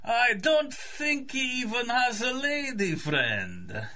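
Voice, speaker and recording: Old busybody sidekick, colloquial, high bright voice, radio-play style. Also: male voice, big pitch swings, slow pace, full character voice. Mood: meddling. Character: meddlesome, good-natured old male contact man. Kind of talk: 1930s radio adventure acting.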